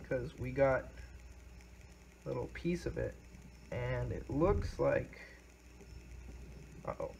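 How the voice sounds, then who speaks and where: A young man narrates his own repair job at a slow, easy pace, chatty and thinking aloud as he goes. His voice sits at an ordinary middle pitch, with a faint hum of ambient noise behind it. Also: vocal fry, rough recording. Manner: relaxed, chatty, thinking aloud while working. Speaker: car DIY video maker. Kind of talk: casual how-to narration.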